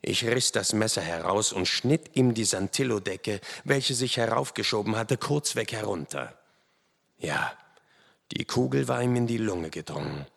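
A man reading a first-person adventure story aloud in a dramatic, expressive way. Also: on the low side, moderate pace, vocal fry. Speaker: audiobook narrator. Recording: long hall reverb.

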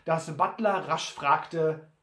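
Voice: medium pitch, slow pace. An audiobook reader narrating an adventure novel and acting out each character. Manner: lively, acts out each character. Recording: roomy echo.

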